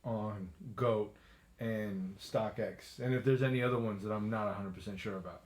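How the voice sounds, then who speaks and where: A man co-hosting a casual sneaker chat show with a noticeable accent, easygoing and quick to laugh, often restarting his phrases. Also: lowish voice, fairly even intonation. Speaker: co-host. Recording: echoey room.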